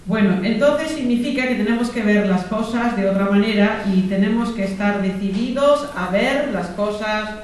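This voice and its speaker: A woman's voice: medium pitch, normal speed, few pauses, darkish tone. A woman from teaching a spiritual class to a group, asking them questions and repeating lists of examples. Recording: very echoey room, distant mic, faint hiss.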